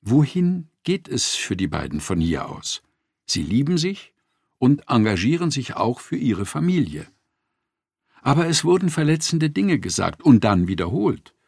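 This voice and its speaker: Gravelly, lively male audiobook narrator. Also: medium pitch, unhurried, dry recording, clean studio sound.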